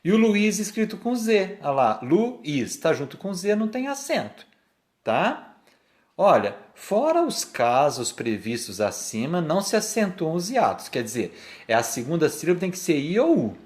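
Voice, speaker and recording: Male teacher, Brazilian Portuguese accent, animated pitch, patient explaining manner. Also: normal speed. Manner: patient, repetitive, stretches key words. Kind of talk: explanatory grammar lesson.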